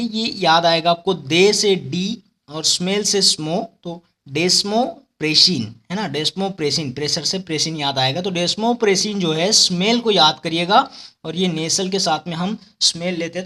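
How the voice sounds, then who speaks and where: A man's voice: high voice, bright, forceful tone. A man teaching pharmacology for exams, explaining step by step with memory tricks and often checking in with his listeners. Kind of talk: exam-prep lecture with memory tricks.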